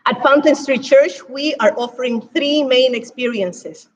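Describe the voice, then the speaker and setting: A woman from Cuba preaching a sermon as pastor, with emphatic swells and hushed drops. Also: high-pitched, unhurried, slight background noise, low-quality recording.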